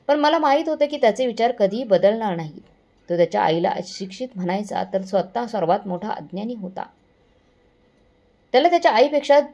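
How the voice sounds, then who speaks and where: A woman's voice: mid-range voice, warm tone, lo-fi sound. A woman narrating a first-person moral story in an earnest, somber way, sometimes correcting herself.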